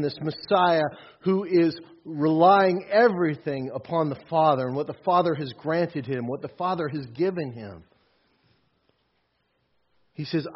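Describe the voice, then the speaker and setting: A man preaching a sermon emphatically, repeating phrases for stress. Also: on the high side. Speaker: pastor. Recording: dull lo-fi recording.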